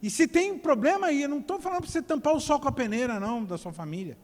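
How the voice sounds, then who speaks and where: A man's voice: very high voice, lively intonation, quick pace. A man preaching a sermon in church, talking in a loose, joking way and often restarting his words. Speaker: pastor. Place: church hall. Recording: long echo of a church hall.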